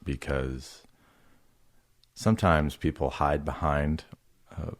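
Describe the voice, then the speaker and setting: A man's voice: a bass voice, steady tone, slow, creaky. A man hosting a casual ministry podcast discussion, easygoing and asking his co-hosts questions.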